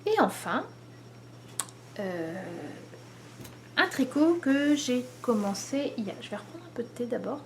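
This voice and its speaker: A woman hosts a knitting video from her home, talking in a relaxed, halting way full of fillers and pauses. Her voice sits a little high. A faint hiss runs underneath. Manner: hesitant, many pauses and fillers. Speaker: knitting podcast host. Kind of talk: casual chat to camera.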